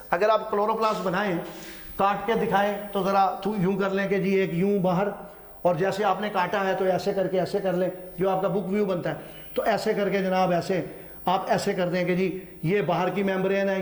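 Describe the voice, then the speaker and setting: This male science teacher from Pakistan has a high voice and delivers a classroom biology lecture in an echoey room. He repeats terms, checks in with "ठीक है", and mixes English terms into his Urdu.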